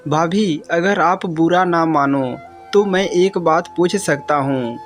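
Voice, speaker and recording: A man's voice: a little high, slow. A man playing a humble young male house servant who speaks politely and with concern, over faint music.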